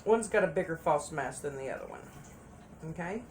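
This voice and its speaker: Woman, low voice, tarot reader, casual and chatty, repeats herself for emphasis, faint background noise. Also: expressive, a little fast, darkish tone.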